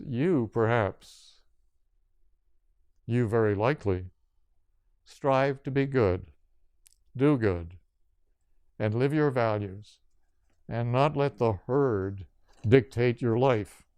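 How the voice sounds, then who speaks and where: An older man giving a spiritual yoga talk, speaking slowly and deliberately in short listed phrases. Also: medium pitch, darkish tone, clean tone, no echo. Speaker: yoga teacher.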